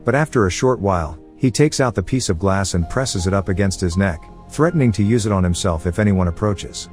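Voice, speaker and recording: A man narrating a movie recap in an even, measured storytelling voice. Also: sits low, soft background music. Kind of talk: scripted narration.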